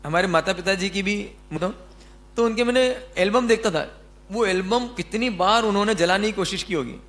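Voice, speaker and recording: A man's voice: high voice, fairly bright tone. A man giving a Jain religious discourse, talking conversationally, asking his listeners questions and answering them himself. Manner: conversational, acts out everyday quotes. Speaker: spiritual teacher.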